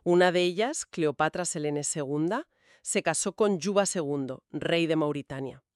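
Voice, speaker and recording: A mid-pitched voice, neither high nor low, walks through history in a calm, explanatory way. This co-host lists points one after another in a relaxed podcast chat. The recording is dry and close. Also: normal speed, no echo.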